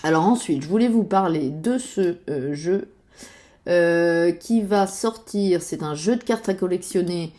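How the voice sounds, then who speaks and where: Speaking unhurriedly in a fairly low, warm voice, a woman who makes board game videos on YouTube chats casually about games. She searches websites as she goes, hesitating often, using many fillers, and muttering under her breath.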